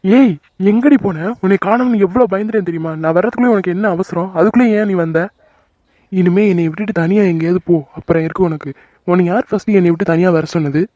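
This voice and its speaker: Cartoon role: a man playing a young man in love, protective and teasing, higher and mellow voice, dull dry recording. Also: fast, no room sound, lightly acted. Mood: scolding. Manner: pleading and coaxing. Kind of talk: cartoon voice acting.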